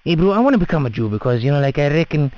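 A man with a South African Indian English accent makes a prank phone call, rambling in cheeky, slangy chat. His fairly high voice is very animated and rapid-fire, with no room sound, over dull lo-fi phone audio.

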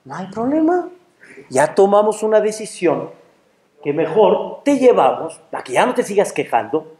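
A man voicing a calm, unbending male angel of death in a sermon story, speaking low and slow. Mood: solemn. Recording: roomy echo.

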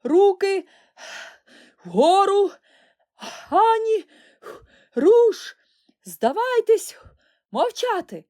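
A woman's voice: very high-pitched, big pitch swings, drawn-out words, pauses often, mellow, voice pushed up, full character voice. A woman voicing a blustering fat male guard chief who pants and bellows his orders. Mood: bellowing. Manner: bellowing, panting between words.

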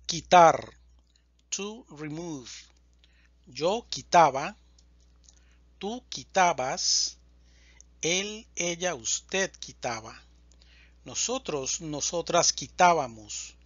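Slow, bright-voiced man drilling verbs. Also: fairly high pitch, lively intonation, breathy edge, no room sound, lo-fi sound. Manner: deliberate, evenly spaced reading of word lists. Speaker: Spanish teacher. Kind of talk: slow drilled verb conjugation lesson.

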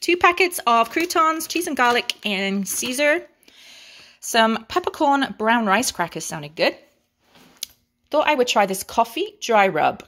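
A woman's voice: a little high, big pitch swings, a little slow, a bit bright. A woman with an English accent, from England, chatting playfully through her grocery haul and savoring each item. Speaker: vlogger. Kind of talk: grocery haul show-and-tell.

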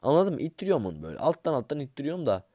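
Excitable young man in gameplay commentary. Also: a little high, rapid-fire, dry recording. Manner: excitable, grumbling, swears under his breath; talks straight to his viewers. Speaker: gaming YouTuber.

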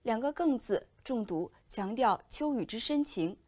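A woman teacher giving a recorded lesson, explaining in a clear, measured way. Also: a little high, expressive, darkish tone. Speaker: Chinese language teacher.

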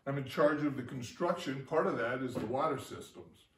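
A man's voice: mid-range voice, normal speed. An older man speaking plainly and heartfelt about ministry work to school children. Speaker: ministry construction leader. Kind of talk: chapel talk. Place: living room, indoors. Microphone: far camera. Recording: roomy, distant camera audio with faint noise.

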